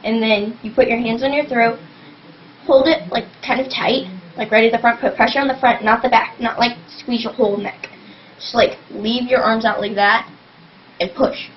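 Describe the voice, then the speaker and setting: Rambling girl with a slightly high voice. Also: steady tone, moderate pace. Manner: rambling, fills every phrase with "like". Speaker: vlogger teaching scream technique. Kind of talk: casual home tutorial. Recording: dull lo-fi webcam audio, faint hum.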